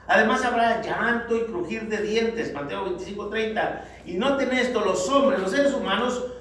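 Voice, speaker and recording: In a high voice, a man preaches emphatically, addressing his congregation as brothers and shifting from loud urging to low, solemn tones. The sound is captured in a very echoey hall by a distant mic, with faint noise.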